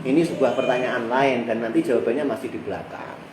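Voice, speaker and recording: A man with a Javanese accent teaching a religious text study, reciting Arabic phrases and then explaining them in lively local speech. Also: medium pitch, quick pace, a loud crowd. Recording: echoey room, heard from a distance with background noise.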